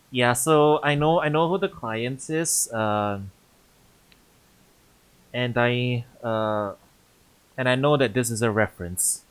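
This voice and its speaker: A man's voice: medium pitch, takes it slowly, pauses often, clear, resonant tone. A man casually commentating a story game on stream, thinking aloud and often restarting his sentences. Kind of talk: casual let's-play commentary.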